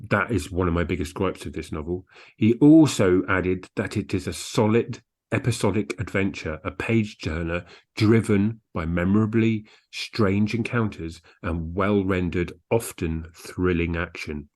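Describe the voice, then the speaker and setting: His voice sits low with a darkish tone, and he never rushes. As co-host of a book review podcast, he chats casually, gives his opinions bluntly, and now and then reads a review out loud.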